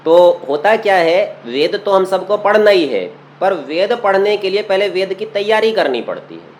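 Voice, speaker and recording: A man's voice: high-pitched, sing-song, moderate pace, a little hiss or hum. A man teaching a scripture study class, explaining verse by verse and often asking rhetorical questions. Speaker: religious teacher. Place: courtyard of a memorial hall.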